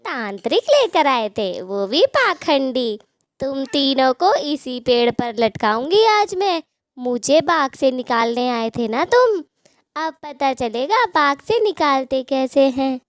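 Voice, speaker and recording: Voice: sits high, very animated, slow, dry recording, clean studio sound, heavily acted. A performer voicing a rude, mocking witch ghost who loves mangoes, in a cartoon story. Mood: gloating. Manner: taunting, insulting, cackling.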